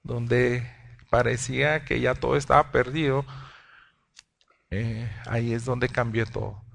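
Guy preaching a sermon, gravelly voice, keeps saying brothers, stops and restarts a lot. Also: mid-range voice, steady tone, measured pace, fairly bright tone. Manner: addresses listeners as brothers, with frequent hesitations and restarts.

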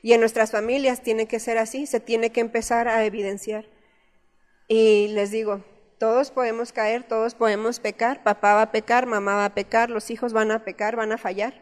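Mexican woman, 30s, lay preacher, higher voice, earnest chatty sermon; church hall with long reverb. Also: little pitch movement, normal speed. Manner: earnest, conversational preaching with personal stories. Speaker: church speaker.

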